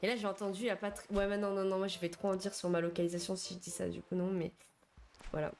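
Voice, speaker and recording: A woman's voice: mid-range voice, little pitch movement, fast, a little mellow, slight background noise. A young woman streamer chatting casually and slangily with her viewers while she plays, answering their messages as they come in. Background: faint game music.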